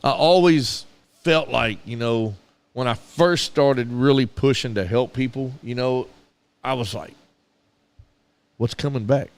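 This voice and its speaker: Unhurried and pausing often, this smooth, medium-pitched voice belongs to a middle-aged Southern American man. He's co-hosting a laid-back radio podcast. He spins earnest stories with repeated restarts.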